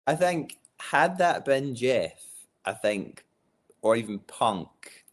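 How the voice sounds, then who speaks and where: A man's voice: mid-range voice, big pitch swings, slow. A man with a posh Scottish accent chatting casually in an interview, jokey and self-deprecating. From Largs, Scotland. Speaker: wrestler being interviewed. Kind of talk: casual chat.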